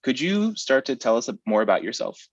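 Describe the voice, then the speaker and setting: A man's voice: mid-range voice, big pitch swings, brisk, muffled recording. A young man hosting a live stream, introducing a guest and reading out announcements, with occasional small slips. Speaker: host.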